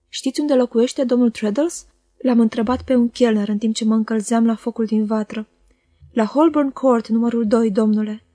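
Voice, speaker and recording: A woman narrating a novel as an audiobook reader, in a measured, even reading. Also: on the high side, no room sound, studio quality. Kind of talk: scripted narration.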